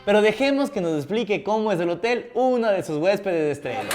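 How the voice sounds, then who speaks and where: A woman's voice: medium pitch, very animated, fairly quick, music in the background. A woman hosting a satirical news segment with a wry, sarcastic delivery. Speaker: host.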